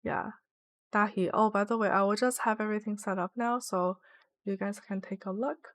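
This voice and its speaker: Her mid-range voice is a bit bright, with fairly even intonation and a moderate pace, as this young woman streams on Twitch from home, rambling casually with frequent "like" fillers while gaming. There's no echo in the recording.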